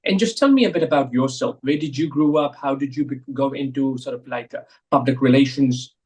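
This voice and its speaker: A man's voice: medium pitch, a little fast, darkish tone, slightly rough. A man hosting an interview, asking his questions hesitantly, with fillers. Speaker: interview host.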